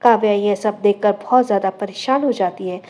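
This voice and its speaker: A woman narrating a scripted audio drama as a storyteller, in a steady, dramatic manner. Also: medium pitch, brisk.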